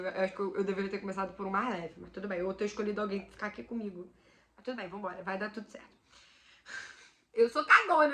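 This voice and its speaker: A woman hosting a vlog, telling a supernatural story in an animated way, dropping to a hush and then bursting out loud. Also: medium pitch. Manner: animated, swings between hushed and loud outbursts. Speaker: channel host.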